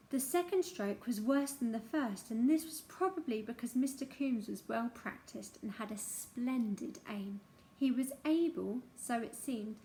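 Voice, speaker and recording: Woman narrator, high voice, expressive storytelling, memoir read aloud. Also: a little hiss or hum. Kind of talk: reading a childhood memoir aloud.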